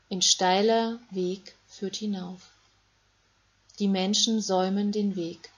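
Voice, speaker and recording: Slow, breathy woman reading a story. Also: mid-range voice. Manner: calm, measured, short phrases. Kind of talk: scripted Bible story narration for children.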